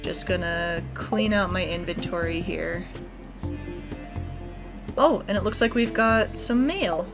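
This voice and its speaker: A gaming video host gives casual let's play commentary, narrating her own actions aloud as she goes. Her voice is fairly low, and she speaks slowly, pausing often, over game music.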